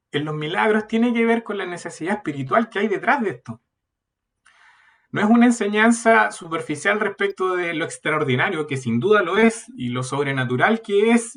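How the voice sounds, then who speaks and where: High-voiced preacher heard from afar. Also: male voice, fairly bright tone, distant mic. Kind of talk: sermon.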